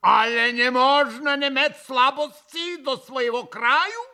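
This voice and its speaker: A man doing a booming gentleman. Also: measured pace, exaggerated voice. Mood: declaiming. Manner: booming, declamatory. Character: swaying, bombastic Polish gentleman.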